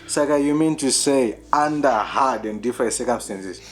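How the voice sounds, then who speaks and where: A man's voice: mid-range voice, normal speed, soft background music, natural voice. A man with a Zimbabwean accent acting an anguished, self-accusing man going through divorce in a television drama. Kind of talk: television drama acting, switching between Shona and English.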